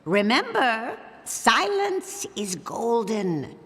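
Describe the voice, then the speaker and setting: Stern female librarian, cartoon game, bright sharp voice, wildly swooping intonation, officious, long hall echo. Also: fairly high pitch, wildly swooping pitch, heavily acted. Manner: hushing, clipped, officious, drawn-out emphasis. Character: stern, prim, surly female town librarian. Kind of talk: cartoon adventure game acting. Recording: long echoing reverb, library hall effect.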